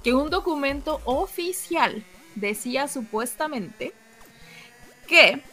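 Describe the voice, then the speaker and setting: A woman's voice: sits high, animated, slow pace, bright, forceful tone. A woman in a casual panel chat on gaming news, speaking Spanglish, mixing English words into her Spanish. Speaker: podcast panelist. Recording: music behind the voice.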